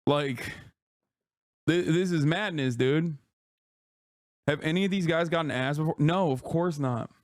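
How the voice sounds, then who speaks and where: A man's voice: fairly high pitch, measured pace, long pauses. A man streaming casual reaction commentary, emphatic and profane, often laughing as he talks.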